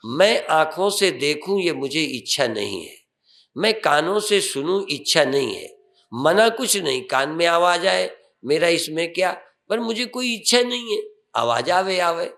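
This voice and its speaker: An older man, a swami, giving a sermon and guiding a meditation with calm instructions and rising emphatic phrases. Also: a little high, unhurried.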